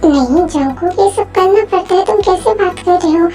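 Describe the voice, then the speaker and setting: A woman's voice: very high-pitched, moderate pace, dark tone, soft background music. A woman voicing a worried, nagging mother who waits up late, in an amateur dubbed story. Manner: nagging, scolding.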